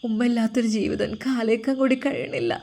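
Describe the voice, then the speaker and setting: A woman's voice: on the high side, big pitch swings, quick pace, warm tone. A woman voicing a devoted young daughter-in-law, speaking in a pleading, emotional way. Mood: tearful, pleading.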